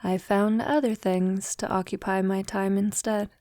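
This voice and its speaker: Speaking in formal phrases to her lover, a woman portrays an ancient, refined vampire who is tender and vulnerable in this intimate audio roleplay. Her natural voice sits at medium pitch with little movement, soft and slow, frequently nearing a whisper, in a reflective, wistful mood. The recording is very dry, with no room sound.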